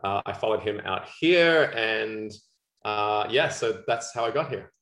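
A man's voice: on the low side, measured pace, a bit bright, echoey room. A man with an Australian accent, a guest on a podcast talking in a friendly, chatty way with lots of "uh" fillers. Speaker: guest, commercial photographer. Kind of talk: casual podcast conversation.

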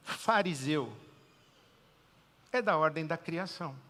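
A man with a Brazilian Portuguese accent preaching a sermon as pastor, swinging between loud emphatic declarations and quiet, hushed pauses. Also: a little high, expressive, long reverb tail.

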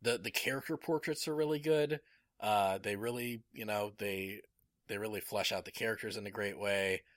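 An enthusiastic man in casual podcast chat who rambles with plenty of fillers. His voice is fairly low but bright and forceful. The sound is dry and close. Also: normal speed, no room sound.

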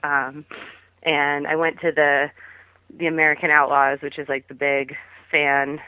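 A woman's voice: low voice, little pitch movement, unhurried, dry recording. Woman chatting over a tinny phone line. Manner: chatty, rambling with many fillers. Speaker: guest. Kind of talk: casual phone interview. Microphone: phone call.

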